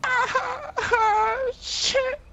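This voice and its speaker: A man voicing a hapless arrested suspect in a game, whining and pleading in a drawn-out wail. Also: very high voice, steady tone, pushed and bright, highs cut off, a little hiss or hum, exaggerated voice.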